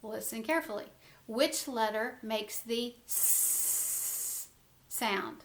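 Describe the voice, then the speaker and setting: A woman's voice: a little high, a little slow, a bit bright, echoey room. A middle-aged woman teaching a phonics lesson to young children from home, patiently sounding out letters and syllables.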